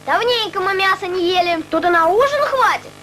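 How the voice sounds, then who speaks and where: A woman's voice: very high-pitched, lively intonation, brisk, background noise. A woman playing a cheeky, spirited orphan boy in a theatrical comedy film. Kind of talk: theatrical comic film acting.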